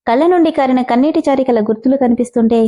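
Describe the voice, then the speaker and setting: A woman storyteller reading a serialized drama aloud in a steady, dramatic way. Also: high voice, fast, muffled recording.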